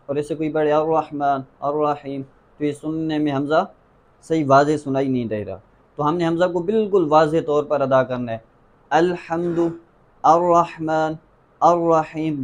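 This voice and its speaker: A man teaching tajweed, working through the alphabet one sound at a time. He repeats each letter patiently and stretches some into a half-sung tone. His voice sits a little high for a man. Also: darkish tone. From Pakistan. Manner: patient, drills letters by repeating them slowly. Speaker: Quran recitation teacher. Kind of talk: tajweed pronunciation lesson.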